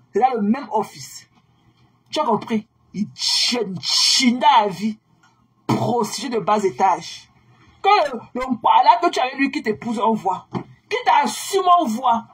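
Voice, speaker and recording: A woman's voice: a little high, breathy edge. A woman, ranting scornfully at a rival and repeating her insults. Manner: mocking, scornful, repeats herself; drawls words out to sneer. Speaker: online commentator. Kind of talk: insulting rant addressed to a rival.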